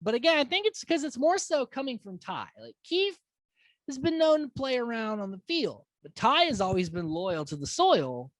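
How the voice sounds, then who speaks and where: Woman, podcast host, casual swearing recap, very expressive pitch, dry close-miked sound. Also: moderate pace, dry recording. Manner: profane, animated, mimics houseguests in quoted asides.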